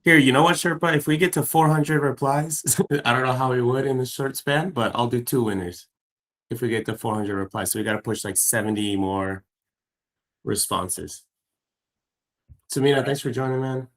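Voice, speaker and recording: A man's voice: mid-range voice, normal speed, fairly bright tone. A man hosting a live trading stream, chatting loosely with viewers and friends, full of fillers and slang. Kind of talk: casual livestream chat.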